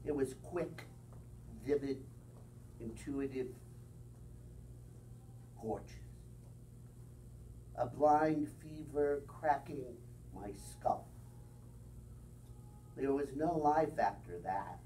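Slow, deliberate man reading poetry. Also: medium pitch, warm tone. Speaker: poet. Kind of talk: poetry reading at open mic. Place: bookstore room with small audience. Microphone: far camera. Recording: distant, faint room noise.

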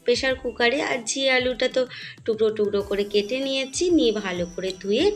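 Talking fast in a higher-pitched voice, a middle-aged home vlogger narrates cooking and gardening at home. She's chatty and addresses her viewers as friends.

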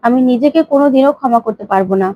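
A woman's voice: on the high side, racing, no echo, dull audio, lightly acted. A woman voicing a heartbroken middle-aged mother who speaks in a tearful, pleading way. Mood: sorrowful.

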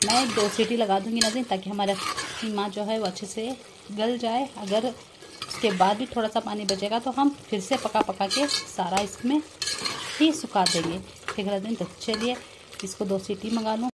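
A home cook and vlogger with a mid-pitched voice explains a recipe step by step at a moderate pace, addressing viewers directly and casually while often repeating instructions. Her home kitchen is clearly audible behind her, with pots clanking, stirring and sizzling frying.

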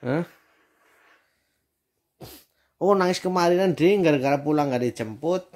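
A man's voice: fairly high pitch, a little slow, darkish tone. A man, a father playfully teasing his daughter in a casual family vlog, laughing often.

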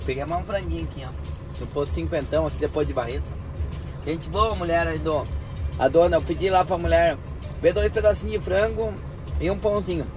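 A man's voice: a little high, fairly quick, music in the background. A man with a Gaúcho Brazilian accent, a truck driver chatting casually to his viewers from the cab. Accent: Gaúcho Brazilian Portuguese. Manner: chatty, folksy, addresses viewers as gurizada. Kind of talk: casual vlog chat to viewers. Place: inside a truck cab on the road. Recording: loud road and engine noise.

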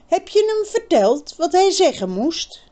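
A woman reading aloud voices a bossy, anxious young girl who talks in a shrill, insistent way. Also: big pitch swings, measured pace, mellow, full character voice. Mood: demanding.

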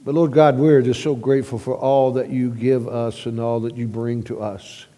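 A man leading a church prayer at a pulpit microphone, halting with repeated words and swelling louder as he prays. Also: mid-range voice, little pitch movement. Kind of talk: spoken church prayer and announcements. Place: church sanctuary. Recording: long reverb of a church sanctuary.

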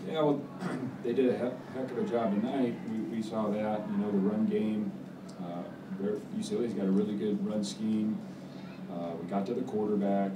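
A man in his forties, a head football coach answering post-game press questions in a measured, halting way with many fillers. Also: fairly low pitch, little pitch movement. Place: press room with backdrop, indoors. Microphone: table mic on stand. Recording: roomy, distant mic, background noise.

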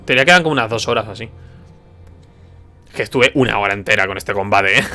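A man with a Spanish accent from Spain giving casual gameplay commentary as a let's player, excitable with animated exclamations. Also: fairly low pitch, fast talker, soft background music. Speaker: let's play streamer.

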